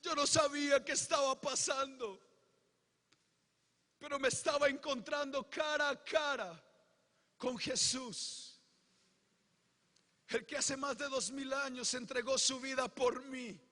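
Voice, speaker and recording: Preaching his testimony slowly, with long pauses and a steady tone, a Colombian pastor speaks in a very high, bright, tense voice. He moves passionately from hushed storytelling to fervent shouting, his words ringing through a large church hall's lingering reverb.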